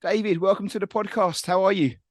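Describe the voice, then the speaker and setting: Fast-talking male podcast host, chatty. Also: sits high, fairly even intonation, loud music behind the voice. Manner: chatty, rambling, friendly. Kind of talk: casual podcast interview.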